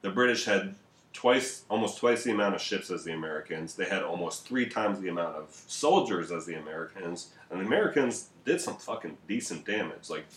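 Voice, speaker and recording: Low-voiced guy co-hosting a history podcast, rambly, swears a lot, echoey room. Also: expressive, fairly quick, a bit bright. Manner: rambling, profane, laughing asides. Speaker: podcast co-host. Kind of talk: casual history podcast chat.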